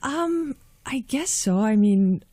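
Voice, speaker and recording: Young woman with an American accent, mellow voice. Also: fairly high pitch, expressive, slow pace, dry recording. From Russia, raised in Spain. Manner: friendly, laughs easily. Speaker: singer-songwriter guest. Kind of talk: casual radio interview. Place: radio studio.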